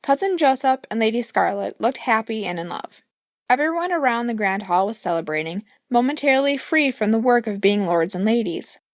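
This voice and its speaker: A woman's voice: fairly high pitch, lively intonation, a little fast, no echo, studio quality. A woman, the author, reading her own fairy-tale audiobook, playful and speaking asides to the listener. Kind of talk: audiobook narration.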